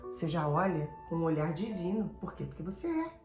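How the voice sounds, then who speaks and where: Animated Brazilian woman therapist. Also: fairly low pitch, a little fast, roomy sound, soft background music. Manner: animated, digressive, addresses listeners directly. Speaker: emotional therapist. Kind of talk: motivational talk to an audience.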